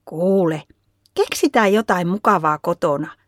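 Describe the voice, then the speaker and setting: A woman voicing a patient, caring mother in a storybook reading, speaking softly and soothingly. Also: lowish voice, no room sound, studio quality, close to an everyday voice.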